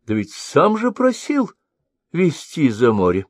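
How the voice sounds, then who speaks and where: A man's voice: huge pitch swings, no room sound, clean studio sound, full character voice. A man reading an audiobook voices a cunning old crone who ferries travelers and mocks them. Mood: sly. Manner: high cracked wheedling old-woman voice, slow and drawn out. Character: cunning old crone ferrywoman, mocking and sly.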